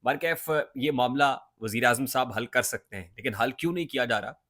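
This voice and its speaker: Male political news vlogger at mid pitch, emphatic, with hesitant filler pauses. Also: a bit bright. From Pakistan.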